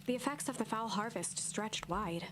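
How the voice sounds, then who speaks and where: A woman's voice: medium pitch, animated, normal speed. Woman reading narration over hiss. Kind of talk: reading story narration aloud.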